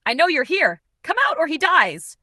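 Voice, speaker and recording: A woman's voice: a little high, very animated, fairly quick, a bit bright, no echo, studio quality. A woman reading an audiobook, voicing a desperate corrupt male federal agent who talks tense and pushy. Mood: shouting.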